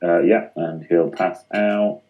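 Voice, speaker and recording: A man's voice: low-pitched, fairly even intonation, slow, narrow, tinny audio. A man with a laid-back, hesitant manner, playing a character in a tabletop game. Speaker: player. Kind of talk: casual tabletop play.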